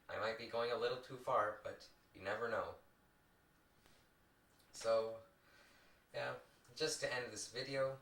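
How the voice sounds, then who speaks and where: A young man giving a halting, rambling, casual opinion in a vlog, recorded on old VHS tape. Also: on the low side, bright, forceful tone. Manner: halting, rambling delivery with repeated phrases. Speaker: video host. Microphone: distant microphone, recorded onto a VCR. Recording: echoey, distant, home VHS tape recording.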